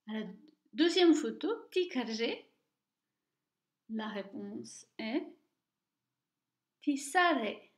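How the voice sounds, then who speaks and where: A woman teaching Tibetan reading, speaking slowly and carefully and repeating each word twice for the listener. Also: sits high. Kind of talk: slow, deliberate language lesson. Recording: echoey room, dull lo-fi sound.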